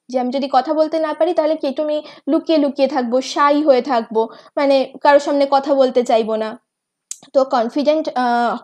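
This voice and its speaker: A woman teacher, giving an exam-prep lecture. Her voice sits high and sounds soft and mellow rather than bright. She reads English points slowly, then explains them patiently.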